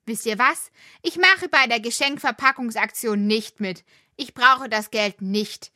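A woman's voice: fairly high pitch, a little slow, pushed and bright, no room sound, clean studio sound. A woman voicing a talkative, curious young worm child in a children's audio drama.

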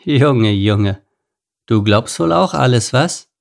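A man's voice: fairly low pitch, gravelly, darkish tone, exaggerated voice. A man voicing a big, arrogant male baboon who talks down to others. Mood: condescending. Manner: slow, condescending.

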